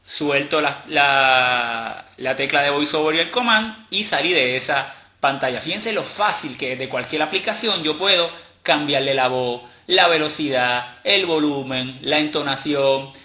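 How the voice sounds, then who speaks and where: A man teaching a step-by-step tutorial in a relaxed, explanatory way, with fillers and restarts. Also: fairly high pitch. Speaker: instructor demonstrating a screen reader. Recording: roomy echo.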